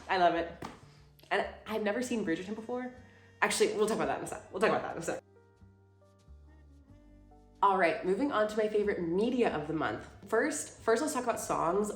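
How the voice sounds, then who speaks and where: A woman, chatting casually about her favorite things of the month, gushing and full of fillers. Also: mid-range voice. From Houston, Texas. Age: 20s. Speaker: vlogger. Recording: roomy sound with faint music.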